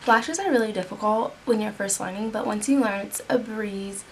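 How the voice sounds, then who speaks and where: A woman's voice: medium pitch, moderate pace, noisy background. A young woman talking casually through a makeup tutorial at home, chatting while she works and sometimes dropping to a whisper. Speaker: beauty vlogger.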